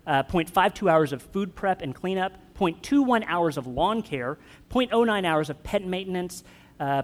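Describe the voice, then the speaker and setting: A man preaching a conversational sermon, joking with his congregation. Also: high-pitched. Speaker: pastor. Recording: long hall reverb.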